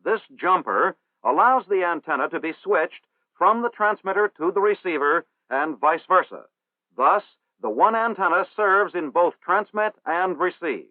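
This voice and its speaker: This is a 1960s training film, heard over a thin, tinny soundtrack, with a man narrating from a script in a measured, formal style. The sound is dry with no echo, and his fairly high-pitched voice comes across as animated.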